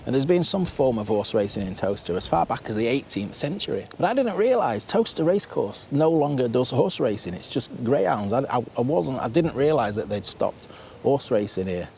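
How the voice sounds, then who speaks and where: A man's voice: mid-range voice, lively intonation, a little fast, gravelly, a little mellow, a little hiss or hum. A man hosting a travel vlog, chatting casually as he walks through town streets, often restarting and turning to the viewer with asides. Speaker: travel vlogger and host. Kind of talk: casual walking-tour commentary. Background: background music.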